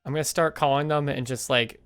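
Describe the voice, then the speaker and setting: A man's voice: mid-range voice, fairly even intonation, brisk, fairly bright tone, clean tone. A man from Canada co-hosting a podcast in casual chat, talkative and laughing often, with lots of "you know"s. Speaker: podcast co-host.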